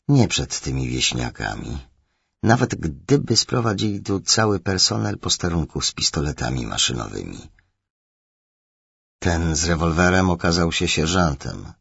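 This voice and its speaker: A man narrating a first-person thriller as an audiobook reader, in a measured, low-key way. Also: vocal fry, fairly bright tone, husky, no echo, muffled recording.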